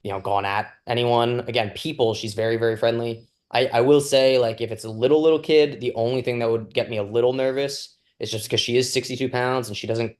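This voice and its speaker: A man's voice: mid-range voice, fairly even intonation, fairly quick, hardly any pauses, a little mellow. A man who fosters a dog, talking casually over a video call in a rambling, hesitant way full of fillers. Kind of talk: casual chat.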